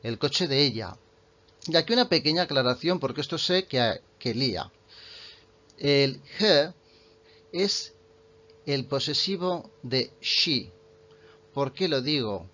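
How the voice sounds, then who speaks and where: A man, a native Spanish speaker, explaining English grammar in an online lesson and slowing right down to read example sentences. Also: medium pitch, expressive, bright, forceful tone, muffled recording. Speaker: English teacher.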